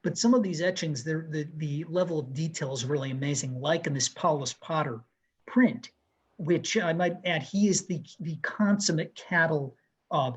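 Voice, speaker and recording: Over a video call from a room with bookshelves, a man in his thirties co-hosts a museum talk, giving an art history presentation over slides. His voice is on the high side and slightly rough, and he walks viewers through the artworks in a measured, descriptive way, pointing out details.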